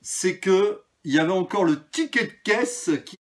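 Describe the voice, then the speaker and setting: Chatty man with a slightly high voice. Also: lively intonation, normal speed. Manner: chatty, hesitant with frequent fillers. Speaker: vinyl collector presenting records. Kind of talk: casual video chat.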